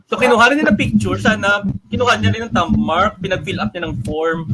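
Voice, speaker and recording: A man's voice: sits high, fairly quick, over a noisy crowd, poor audio. A Filipino man hosting an online chat, teasing and joking with his guest as he questions her. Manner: teasing, joking interviewer with frequent laughs. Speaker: host. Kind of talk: casual chat.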